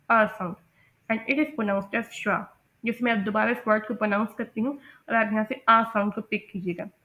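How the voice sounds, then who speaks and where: A woman teaching English pronunciation, explaining step by step, repeating words slowly and checking in with her learners. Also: a little high, fairly bright tone. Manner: patient, repeats words slowly, often asks "ठीक है?". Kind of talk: explaining a lesson from slides.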